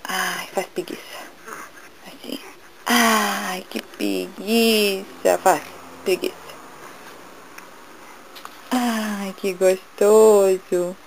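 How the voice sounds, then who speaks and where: A woman speaking for her baby boy as if he were talking, acting out a sleepy little boy who has just woken up, with lazy, drawn-out words. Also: medium pitch, fairly even intonation, vocal fry, slight background noise, poor audio. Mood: drowsy, lazy. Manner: drawn-out, lazy, yawning talk.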